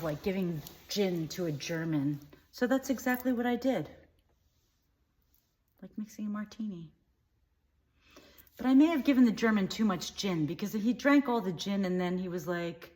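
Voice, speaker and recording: A woman's voice: mid-range voice, lively intonation, brisk, hardly any pauses, darkish tone. A woman delivering a rambling comedic character monologue, drifting between topics and trailing off with dismissive asides.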